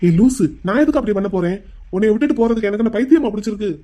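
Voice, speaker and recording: A woman's voice: medium pitch, animated, racing, mellow, close to an everyday voice. A woman voicing a brusque young shopkeeper husband in a cartoon, blunt and teasing. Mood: scolding. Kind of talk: cartoon voice acting.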